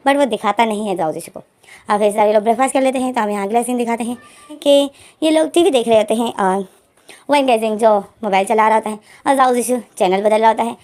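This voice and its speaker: A woman casually retells a fanfiction story at a very fast clip. Her voice sits slightly high, and she chats along, repeating names and linking words as she goes. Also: darkish tone.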